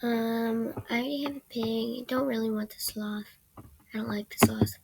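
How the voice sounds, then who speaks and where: Her voice runs on the high side and is gravelly, with fairly even intonation at a normal speed: a sick teen girl losing her voice while she plays a computer game for her gaming channel. The commentary is casual, hesitant and rambling, trailing often into soft mumbles. A computer mic during screen recording picks up loud background noise with clicks.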